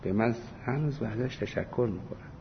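A man giving a religious lesson, telling anecdotes full of quoted dialogue and small chuckles. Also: medium pitch. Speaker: religious teacher. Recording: dull lo-fi recording with faint hiss.

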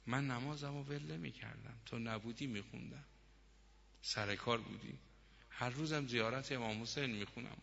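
A man voicing a devout young wife who speaks in a soft, hushed and pleading way, recorded muffled in a reverberant hall. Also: mid-range voice, creaky. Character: devout young mother, grieving and fervent.

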